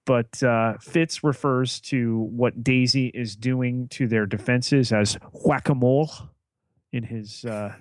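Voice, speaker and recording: A man co-hosting a podcast, recapping a TV episode in casual chat, halting with many fillers and restarts. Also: medium pitch, steady tone, dry recording. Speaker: podcast co-host.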